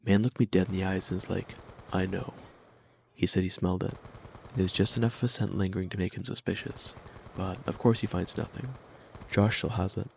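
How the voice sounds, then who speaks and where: A young man recounts his story in a wry, slangy storytime style. His voice is low and gravelly, with faint noise behind it. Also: fairly even intonation, a little fast, a little mellow. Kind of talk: scripted storytime narration.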